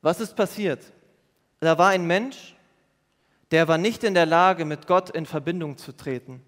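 Preaching to young churchgoers in a church hall, a man explains his points earnestly and patiently, going over them again and again. His voice is a little high and his pace measured. Each phrase leaves a long reverb behind it.

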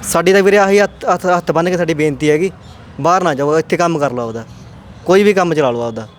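A man's voice: on the high side, fast, slight background noise. A man, a laborer, talking earnestly and pleadingly in a casual interview. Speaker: deported laborer.

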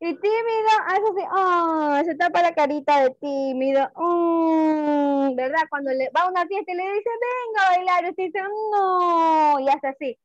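A woman teaching an online class for young children, acting out emotions in a slow, sing-song way. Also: very high-pitched, no room sound. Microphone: video call. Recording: dull lo-fi video call audio.

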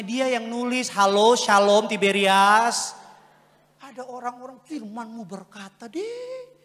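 A middle-aged man preaching a lively church sermon, telling stories with loud calls and quiet asides. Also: fairly high pitch, a little hiss or hum. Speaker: pastor. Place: large church hall. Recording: long reverb of a big hall.

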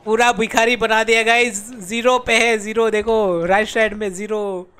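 A young man with a strikingly high voice streams a game and chats live to his viewers. He jokes around, exclaims, and pleads in playful mock despair. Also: level tone, moderate pace, sharp tone, smooth. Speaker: gaming streamer.

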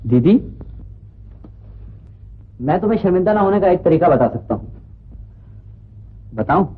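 Idealistic young man; husky, animated, tinny vintage track. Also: high-pitched, unhurried, exaggerated voice. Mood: earnest. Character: earnest idealistic young man, gentle teacher. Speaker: teacher and younger brother. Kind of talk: 1950s film acting. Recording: tinny old film soundtrack.

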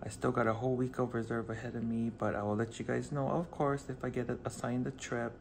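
A man's voice: mid-range voice, flat delivery, brisk, creaky, a little hiss or hum. A man vlogging from his car and his home as a flight attendant, talking in a chatty, upbeat, rambling way into a handheld phone. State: out of breath. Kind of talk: casual vlog chat.

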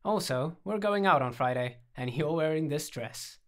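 A man's voice: on the high side, expressive, moderate pace, voice pushed up. A man voicing a playful young man who teases and coaxes with theatrical flair. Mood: teasing. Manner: teasing, theatrical, coaxing.

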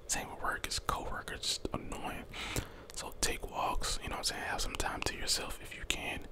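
An American man in his twenties giving a casual, slangy, encouraging pep talk in an ASMR whisper close to the microphone. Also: normal speed. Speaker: ASMR content creator. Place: small bedroom, indoors. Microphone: close handheld desk condenser microphone.

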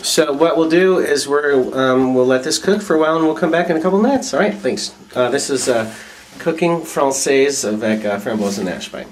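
A woman co-hosting a homemade joke cooking show, rambling with lots of fillers and keeping a deadpan, joking tone. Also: sits low, fairly quick. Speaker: co-host of home comedy video.

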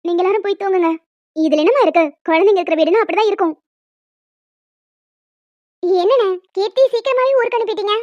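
Woman voicing a squeaky young Tamil wife. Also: fast, pauses often, a little mellow, no echo. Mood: emotional chat. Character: young wife and women of a family. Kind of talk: homemade animated family story. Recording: dry, dull lo-fi home mic.

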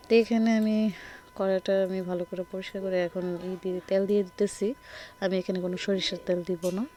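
A hoarse young woman chats unhurriedly while she narrates her cooking vlog. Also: mid-range voice. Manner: chatty, unhurried, talks while she works. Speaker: cooking vlogger. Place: home kitchen at the stove, earlier out on the street. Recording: noisy with frying sizzle.

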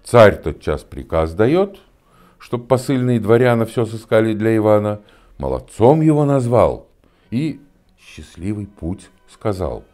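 A man's voice: lowish voice, very animated, a little slow, mellow, soft background music. Older man reading verse theatrically. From Russia. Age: 60s. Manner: theatrical, rhythmic. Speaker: stage actor reading a fairy tale. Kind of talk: storytelling in rhyming verse.

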